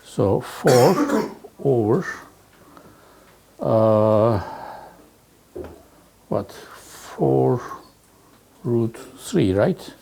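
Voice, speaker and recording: In a lecture hall, a Turkish man with a mid-range, sing-song, gravelly yet mellow voice lectures on physics, working through exercises aloud haltingly and peppering his talk with "okay" and "right." Slight background noise is present.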